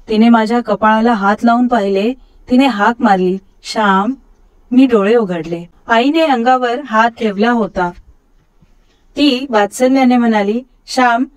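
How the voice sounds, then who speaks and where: A woman storyteller reading a novel aloud in a measured, expressive way. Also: on the high side, poor audio.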